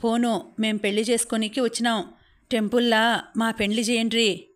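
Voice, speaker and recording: A woman's voice: a little high, level tone, moderate pace, natural voice. A woman voicing a sullen young village man with a Telangana accent. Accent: Telangana Telugu. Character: stubborn young village man, a runaway groom.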